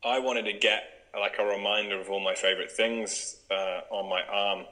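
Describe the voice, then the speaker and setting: A young man with a very bright, forceful tone and a fairly low voice. He chats in a relaxed, upbeat way as a yoga teacher, laughing easily between thoughts. Plenty of ums and restarts. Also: moderate pace, rough recording. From Wales. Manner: upbeat, chatty, laughs often, many fillers. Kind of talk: casual interview chat.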